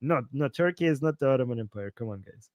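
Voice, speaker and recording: This livestream host, a man in his forties, talks quickly with lively intonation at a medium pitch. He reads chat comments out loud, chuckles, makes playful asides, and repeats himself a lot. The recording is muffled, though there's no room sound.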